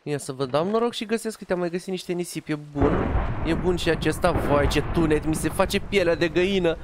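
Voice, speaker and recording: A man's voice: fairly high pitch, heavy background noise. A man casually commenting as he plays a building game, chatting to himself and to an in-game dog. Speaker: gaming youtuber. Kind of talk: casual Minecraft let's play commentary.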